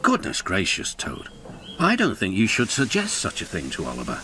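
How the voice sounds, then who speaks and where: A man's voice: low voice, huge pitch swings, moderate pace, sharp tone, a little hiss or hum, voice pushed down, heavily acted. Man voicing a prim, busy tank engine. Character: sensible male tank engine, busy and proper.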